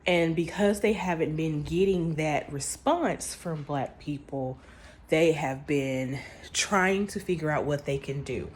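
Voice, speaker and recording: A low-voiced woman speaks slowly, with a little hiss or hum in the recording. She's a vlogger giving her viewers casual, emphatic commentary, dropping grammar and restarting phrases along the way.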